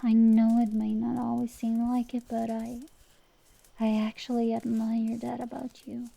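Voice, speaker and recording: In an intimate fantasy audio roleplay, a woman voices a tsundere dragon-girl sorceress, speaking slightly high and unhurried. She blusters and teases like a tomboyish gambler, flustering easily yet showing fondness beneath, in a tender, hushed mood. Her delivery is completely flat, a little slow, creaky and dark, heavily acted, with poor audio.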